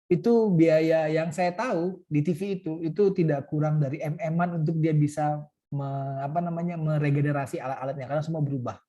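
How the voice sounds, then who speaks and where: A man's voice: fairly high pitch, fairly quick, dark tone, lo-fi sound. A man speaking as guest in a webinar, casual and joking, with many fillers, over a video call. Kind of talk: webinar talk.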